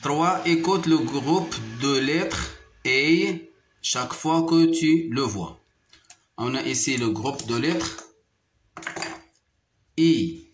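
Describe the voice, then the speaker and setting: A man with a Moroccan accent teaching a French phonics lesson, repeating each word slowly and carefully. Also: a little high, soft background music. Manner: slow, deliberate syllable-by-syllable repetition. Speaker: primary school French teacher.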